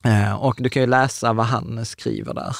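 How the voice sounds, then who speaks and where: A mid-range, creaky, sing-song voice belongs to this podcast co-host, a man in his thirties chatting casually and explaining things enthusiastically. He restarts, uses fillers, and gestures while talking. He speaks into a large table-stand studio mic in a small room, and there's no echo.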